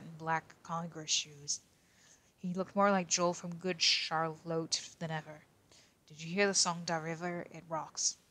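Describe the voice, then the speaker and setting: A woman voicing a quiet young male detective as he reads a fanfic aloud in character, tripping now and then over odd words. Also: sits low.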